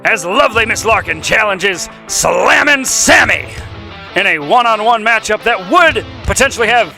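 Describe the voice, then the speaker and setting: High-pitched pumped male wrestling announcer. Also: lively intonation, normal speed, gravelly. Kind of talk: live sports commentary. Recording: loud music and crowd behind commentary. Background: loud music, crowd noise.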